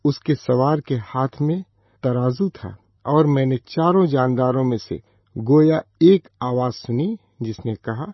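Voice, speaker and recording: A man with a husky voice reading scripture aloud in a measured, solemn manner. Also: medium pitch, no echo. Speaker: scripture reader. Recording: dull, slightly lo-fi dry recording.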